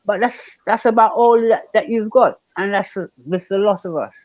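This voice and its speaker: An older man from Barbados, speaking as a guest elder in an online panel discussion, measured and emphatic, repeating key words. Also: sits high, a little mellow, dry recording, muffled recording.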